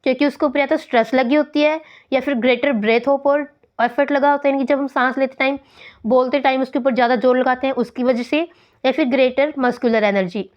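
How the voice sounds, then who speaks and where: An Indian woman preps students for exams by teaching English grammar, reading the English slowly and then explaining quickly in Hindi, going back and forth between the two. Her voice sits high, and the recording is lo-fi.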